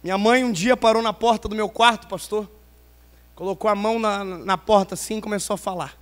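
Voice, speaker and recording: A man preaching a pentecostal sermon, playful and storytelling, swinging from loud emphasis to quiet asides in a large church hall. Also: sits high, steady tone, fairly quick, clean tone. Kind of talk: pentecostal sermon with humorous stories. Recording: long hall reverb.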